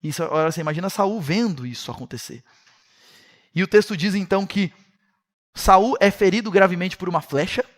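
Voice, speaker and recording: A man's voice: high-pitched, brisk. A man with a Brazilian Portuguese accent teaching a Bible study series, retelling the story vividly and speaking straight to his listeners. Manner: animated storytelling, addresses listeners directly.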